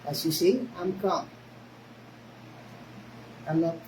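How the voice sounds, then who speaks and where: A native Spanish speaker with a Spanish accent teaches a karate class, using short, broken phrases and frequently asking "okay?" Her voice is fairly low and a little mellow, and she takes her time. The recording is noisy, with an echoey room and a distant mic.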